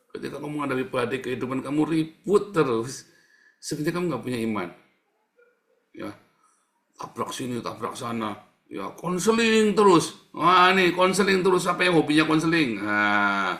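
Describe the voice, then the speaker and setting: A man preaching a sermon, mid-pitched and casual. He jokes with the congregation and speaks to them directly, as if in easy conversation. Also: a bit bright. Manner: joking, conversational, addressing the congregation. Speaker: pastor.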